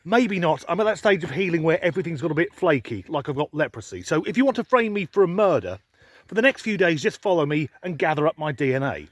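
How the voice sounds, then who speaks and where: An Englishman films himself on a handheld camera for a sardonic vlog, grumbling with dry, sweary humor. His voice sits on the high side, sing-song and fast, in a dry recording.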